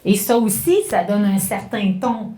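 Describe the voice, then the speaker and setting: A middle-aged woman with a Québécois French accent giving a spoken lesson on communication, talking conversationally and slowing down to act out examples. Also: medium pitch, fairly even intonation, dark tone, roomy sound. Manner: conversational, acts out examples with slowed, stressed phrases. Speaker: communication workshop speaker.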